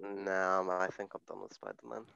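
Lower-voiced man, teasing, over a dull phone line. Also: completely flat delivery, fairly quick, vocal fry, sharp tone, clear, resonant tone, no room sound. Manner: teasing, laughs often, swears casually. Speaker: podcast guest. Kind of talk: casual chat.

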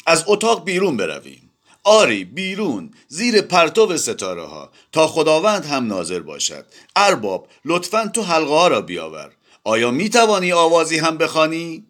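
A man voicing a boisterous, impulsive older man who declaims loudly and exuberantly in a storybook reading. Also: sits low, wildly swooping pitch, heavily acted.

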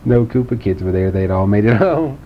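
A man with a low voice spins a playful bedtime story, tossing in sound effects and questions for his listener. It is recorded lo-fi and dull, with a faint rumble underneath. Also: lively intonation, a little fast.

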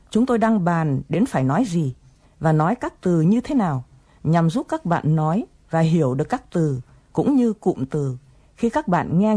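A woman's voice: fairly low pitch, mellow, slightly rough. A woman presenting an English lesson, explaining phrases patiently and coaxing learners to repeat them.

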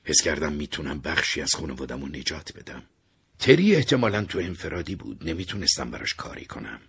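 A man narrating a dark first-person story in a theatrical way, sinking to whispers and rising in sudden bursts. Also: rumbling low, sing-song. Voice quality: very husky.

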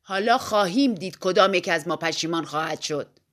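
A woman voicing a very tall young woman who answers with sharp, confident retorts. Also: fairly low pitch, lightly acted. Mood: retorting. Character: huge young woman, quick-witted and bold.

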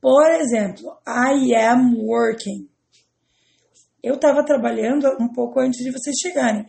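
Brazilian woman teacher, patient and methodical, a fairly high voice with a gravelly edge. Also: dark tone. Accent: Brazilian Portuguese. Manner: patient, step-by-step explaining with checking tags. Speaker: English teacher. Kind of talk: explaining grammar to students.

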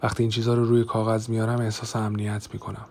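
A man narrating a first-person diary audiobook in a steady, even manner. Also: fairly low pitch, gravelly, slight background noise.

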